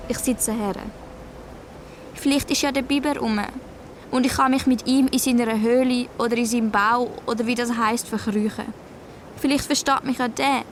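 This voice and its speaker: Young woman voicing a lonely Swiss schoolgirl, quiet first-person radio-play narration, light high tone. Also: a little hiss or hum, natural voice. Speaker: narrator and main character.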